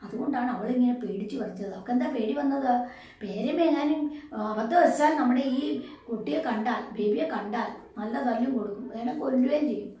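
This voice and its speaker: Heard from a distance in a very echoey room, a female teacher talks her class through a story lesson at a slightly fast pace. Her voice is somewhat high and mellow, and she repeatedly asks her pupils questions before answering them herself.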